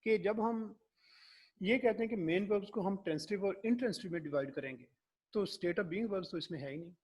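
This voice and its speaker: A man lecturing on English grammar in Hindi-Urdu, explaining step by step and reading English definitions out slowly. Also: sits high, a little mellow, breathy edge. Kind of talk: recorded classroom lecture.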